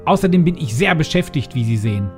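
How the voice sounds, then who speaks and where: A man voicing a grumpy old woman who is busy baking cookies. She is snappish and dismissive, with slow, emphatic lines, and music plays behind the voice. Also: on the high side, sing-song, voice pushed up.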